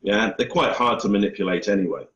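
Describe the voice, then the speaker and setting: A man's voice: on the low side, quick pace, fairly bright tone, lo-fi sound. A man, a body language expert, explaining and demonstrating tone of voice to an interviewer over a video call. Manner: explanatory, coaching, asks for feedback. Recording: echoey room.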